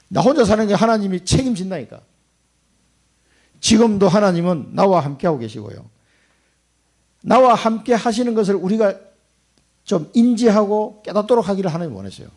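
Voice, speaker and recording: A pastor giving a sermon, preaching emphatically with sudden rises and drops in pitch and loudness, in a church sanctuary. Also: male voice, vocal fry, slightly rough.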